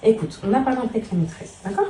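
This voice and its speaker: A mother and vlogger speaks tenderly to her children, showering them with pet names, then chats casually with her followers, calling them girls. Her voice is on the high side, warm, rapid-fire and lively in intonation, recorded from a distance in a roomy, noisy space.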